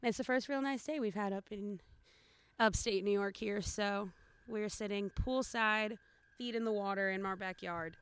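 A young woman co-hosting a casual podcast outdoors by a backyard pool, her voice a little raspy from allergies. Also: medium pitch, moderate pace, dry recording. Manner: chatty, lots of fillers. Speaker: podcast co-host. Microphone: new podcast microphones.

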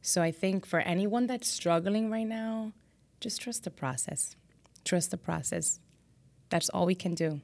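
Woman guest, news anchor, a bit low-pitched, earnest, upbeat, code-switches into Spanish. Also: unhurried, darkish tone. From United States. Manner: upbeat and earnest, mixes Spanish phrases into English. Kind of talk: casual interview chat.

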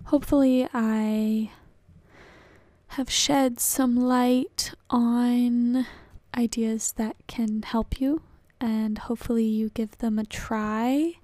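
A woman hosting her own solo podcast, speaking calmly and in an unhurried, self-aware way. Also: fairly high pitch, no echo. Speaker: podcast host.

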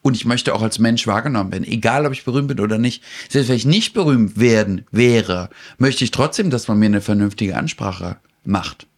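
A man's voice: on the low side, fairly quick, few pauses. Indignant, theatrical man. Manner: indignant, theatrical, acts out dialogue. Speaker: podcast host. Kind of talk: animated casual chat.

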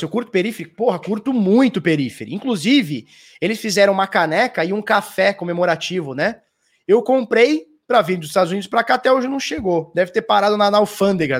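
A Brazilian man hosting a casual live stream, answering viewer questions in a loose, slangy way with swearing and restarts. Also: sits high. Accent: Brazilian Portuguese. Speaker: crypto livestream host. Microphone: standing at a live stream mic.

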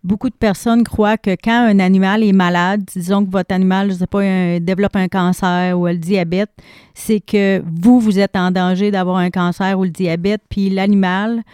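A woman explains an idea earnestly in casual podcast talk. Her voice is mellow and smooth, recorded dry and close. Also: mid-range voice, steady tone, normal speed, dry recording. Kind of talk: casual conversation.

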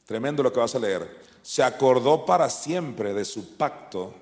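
A man preaching a sermon, swinging from shouted commands down to quiet, low asides. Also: expressive, measured pace. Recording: long hall reverb.

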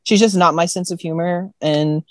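A woman's voice: on the low side, fairly even intonation, moderate pace, no echo, studio quality. A woman co-hosting a casual chat, giving blunt, candid opinions. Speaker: podcast co-host.

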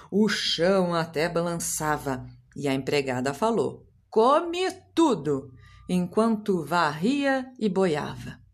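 Expressive sing-song woman storyteller. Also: fairly low pitch. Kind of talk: rhyming children's story reading.

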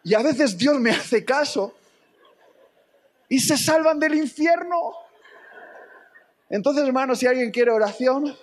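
A man preaches to his congregation in a very high, bright register. He acts out the people in his stories, swinging from loud outbursts to hushed, low passages. His voice rings with the long reverb of a large hall. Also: animated, takes it slowly, pauses often. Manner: dramatic, acts out quoted people with big swings in pitch and volume. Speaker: pastor. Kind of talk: sermon.

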